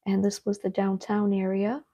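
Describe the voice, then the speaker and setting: A woman's voice: mid-range voice, monotone, dark tone. A middle-aged woman from Cape Town, chatting to viewers while painting on a live stream. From Cape Town, South Africa. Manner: chatty, speaks straight to viewers, unhurried. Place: home art studio.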